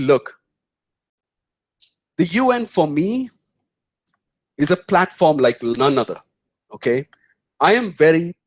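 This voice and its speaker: A middle-aged man with an Indian English accent, speaking as a guest on a webinar and telling anecdotes in an animated way. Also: on the high side, no room sound, rough recording. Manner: storytelling, animated, mimics voices in anecdotes. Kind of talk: webinar talk answering questions.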